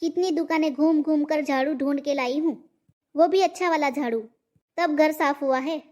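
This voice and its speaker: A woman's voice: high voice, fairly even intonation, normal speed, noisy background, pitched below the performer's own voice, close to an everyday voice. A woman voicing a bossy, boastful mother-in-law in a cartoon, talking in a nagging, self-praising way. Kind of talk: cartoon voice acting.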